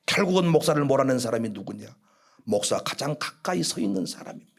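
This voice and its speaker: A middle-aged male pastor with a Jeolla accent, preaching a fiery sermon in a church and breaking into loud, acted-out scoldings. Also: medium pitch, animated, fast. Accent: Korean, Jeolla region. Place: church sanctuary.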